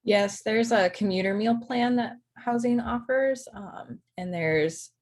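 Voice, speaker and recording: A woman's voice: a little high, slow, darkish tone. A woman presenter talking casually about student housing on a video call, chatty with lots of fillers. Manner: chatty, lots of likes and ums. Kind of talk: casual workshop talk.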